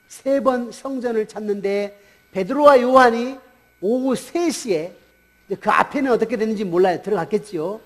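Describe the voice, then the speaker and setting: High-voiced man preaching a sermon. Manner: storytelling preaching with rhetorical questions. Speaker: pastor. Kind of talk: Sunday sermon. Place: church sanctuary.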